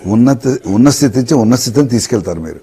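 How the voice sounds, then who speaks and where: A man's voice: mid-range voice, expressive, quick pace, mellow, slightly rough. A man interviewing in a deferential, agreeable manner, often answering with a respectful sir. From India. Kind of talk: casual chat.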